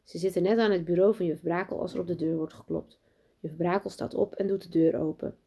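A woman reading a children's story aloud in a clear, even storytelling manner. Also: lowish voice, brisk. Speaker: audiobook narrator.

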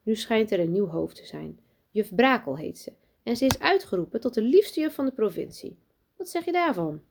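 A woman's voice: on the high side, sing-song, moderate pace, gravelly, a little mellow, pitched above the performer's own voice, full character voice. Woman playing a kindly old grandfather. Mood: coaxing. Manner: coaxing, kindly. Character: gentle, sad grandfather.

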